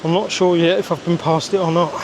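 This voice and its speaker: A man's voice: fairly high pitch, little pitch movement. A man vlogging casually as he climbs a wet, rocky mountain trail, talking in between efforts. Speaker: hiking vlogger. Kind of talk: casual on-the-go narration. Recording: noisy outdoor recording with rushing stream.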